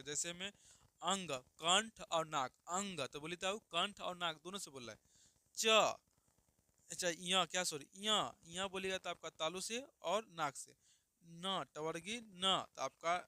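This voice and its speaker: Bright, crisp male grammar teacher. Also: a little high, no room sound. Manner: repeats questions and answers them himself, calls listeners "babu"; sounds out letters slowly for students to copy. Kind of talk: classroom grammar lesson.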